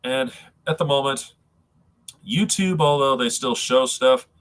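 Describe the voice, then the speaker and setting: A man with a congested, nasal sound, as if his nose were packed, talking casually and haltingly to viewers on a live stream. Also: mid-range voice, a bit bright. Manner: halting, rambling, addressing viewers as folks.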